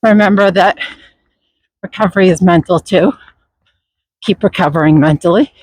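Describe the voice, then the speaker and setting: A runner talking while out running, reflecting in a motivational vlog in short, broken, unscripted phrases with pauses. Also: medium pitch, breathy edge, no room sound. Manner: reflective, halting, unscripted delivery. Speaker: runner vlogging.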